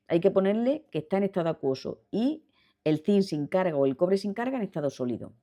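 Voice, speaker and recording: A woman's voice: fairly low pitch, dark tone. A woman teaching chemistry in a video lesson with a Spanish accent, explaining step by step, repeating key points and checking in with her students. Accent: Spanish from Spain. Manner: patient, repetitive, checks in with students.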